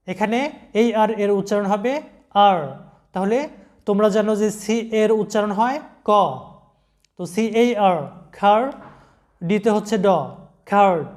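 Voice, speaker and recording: High-voiced man teaching pronunciation. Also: darkish tone. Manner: patient, spells out words letter by letter. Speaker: English teacher. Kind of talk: online pronunciation lesson.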